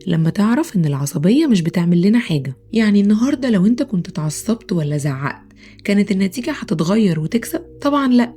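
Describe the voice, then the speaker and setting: A woman voicing a patient, gentle Egyptian mother. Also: mid-range voice, quick pace, slight background noise, lightly acted. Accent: Egyptian Arabic. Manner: soft, calm and steady. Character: patient loving mother, gentle but firm.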